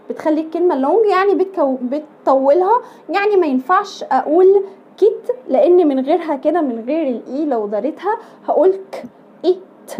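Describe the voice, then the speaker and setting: A woman with an Egyptian Arabic accent teaching English letter sounds to children, slowly and patiently repeating each sound. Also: sits high, warm tone, highs cut off. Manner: patient, slow repetitive drilling of letter sounds. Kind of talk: children's phonics lesson.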